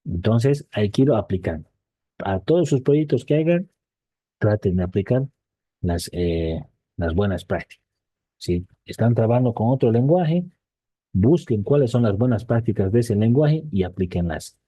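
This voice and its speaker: A middle-aged man with a very dark, mellow voice teaches a casual online programming class. He reads points aloud, then explains them in loose asides, checking in with his students and repeating himself as he goes. The sound is close and dry. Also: lowish voice, lively intonation, moderate pace, breathy edge, no room sound. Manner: checks in with frequent "¿sí?" tags; often restarts and repeats words.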